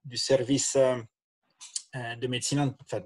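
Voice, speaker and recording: A man's voice: mid-range voice, little pitch movement, normal speed, dry recording. Man, 30s, doctor, dry webcam sound, hesitant delivery with restarts. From Italian-speaking Switzerland. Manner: hesitant, many fillers and restarts. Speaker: internal medicine doctor. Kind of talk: panel testimony. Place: attic room at home. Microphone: laptop webcam on a video call.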